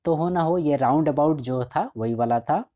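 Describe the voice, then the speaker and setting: A man teaching a school chapter line by line, his voice mellow and warm. He reads each English line slowly, then explains it casually and often checks in with his students. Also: on the high side. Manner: frequent checking fillers.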